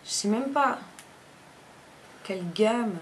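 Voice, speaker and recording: A woman's voice: fairly high pitch, takes it slowly, slight background noise. A woman, chatting casually through a makeup review, rambling and often correcting herself mid-sentence. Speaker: beauty vlogger.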